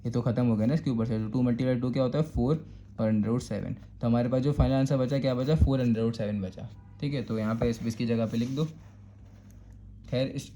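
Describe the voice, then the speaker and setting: A man's voice: mid-range voice, warm tone, muffled recording. Patient Karachi Urdu man teaching math. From Pakistan. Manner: patient, repeats "thik hai" to check understanding. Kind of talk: step-by-step math lesson.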